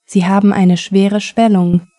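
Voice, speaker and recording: A woman reading the lines of a calm male surgeon who explains treatment in a measured way. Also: medium pitch, no room sound, studio quality, natural voice.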